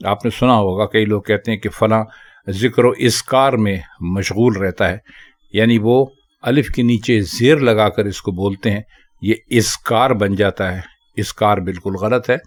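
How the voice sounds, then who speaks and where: A man with a fairly low voice teaches correct spelling and pronunciation. He goes step by step and slowly, repeating every word a few times so it sinks in. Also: fairly even intonation. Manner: slow and careful, repeating each word. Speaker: Urdu language teacher.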